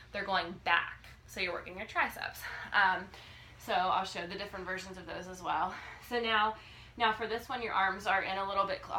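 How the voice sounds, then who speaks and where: A woman in her thirties giving a casual, halting exercise demonstration as a fitness coach, often checking in as she instructs. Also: medium pitch, bright, forceful tone. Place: living room, indoors. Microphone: phone or camera a few feet away. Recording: noisy home video, phone mic.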